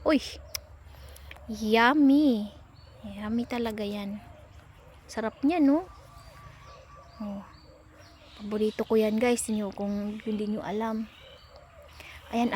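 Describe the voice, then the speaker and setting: High-voiced chatty woman vlogging. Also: darkish tone, slight background noise. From Philippines. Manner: chatty, talks baby-talk to her cat. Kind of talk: casual vlog chat.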